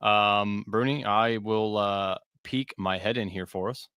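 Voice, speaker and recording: Bright-voiced man reading chat aloud. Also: fairly low pitch, fairly even intonation, measured pace, clean tone, dry recording, clean studio sound. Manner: reads chat aloud, filler-heavy, laughs often. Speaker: podcast host. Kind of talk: casual live-stream banter.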